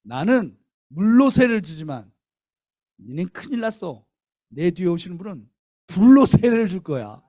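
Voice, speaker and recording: Brief: a defiant prophet yelling insults, higher and louder, as a preacher puts him on. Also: male voice, normal speed, hardly any pauses, no echo, studio quality, natural voice. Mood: solemn. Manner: shouting insults, curt and teasing. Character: fiery male desert prophet, blunt and defiant.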